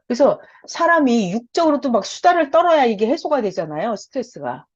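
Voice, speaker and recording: A woman preaching with a lively, swinging voice set a little high. She repeats phrases for emphasis and slips into a bright, childlike tone when she acts out prayers. The recording sounds slightly dull and lo-fi. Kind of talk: sermon.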